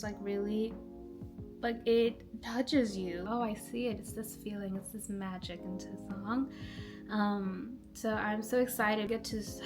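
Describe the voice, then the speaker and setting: A young woman from Nepal, a musician, talking casually about her music with lots of filler words. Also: medium pitch. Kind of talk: casual self-introduction. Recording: music playing behind.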